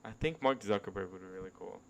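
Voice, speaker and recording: A man's voice: sits low, quick pace, gravelly, a little hiss or hum. A nineteen-year-old man co-hosting a casual podcast, chatty and hedging a lot with "like" and "right?". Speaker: podcast co-host. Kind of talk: casual chat.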